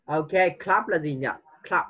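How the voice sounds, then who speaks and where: A man's voice: a little high, measured pace, dull audio. A man tutoring a young pupil one-on-one online, patiently coaxing answers and mixing English prompts into his teaching.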